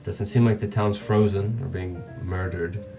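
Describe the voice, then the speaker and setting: Game master man, lowish voice, soft music behind. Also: fairly even intonation, unhurried, recorded from a distance. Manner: casual, laughs often, voices NPCs. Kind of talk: narrating a tabletop game.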